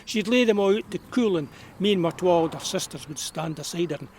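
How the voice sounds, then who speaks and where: In an audio drama, an actor voices a kindly old man of around eighty with a broad rural Perthshire Scottish accent, fondly and nostalgically reminiscing in naturalistic, folksy storytelling. His voice is high, a little fast, and a little mellow, with slight background noise.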